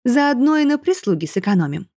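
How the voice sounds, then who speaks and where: Woman playing a mock-sweet haughty stepmother, high, lilting, storybook. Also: very animated, a little fast, darkish tone, dry recording, clean studio sound. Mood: sugary. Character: sugary scheming stepmother, haughty young bride.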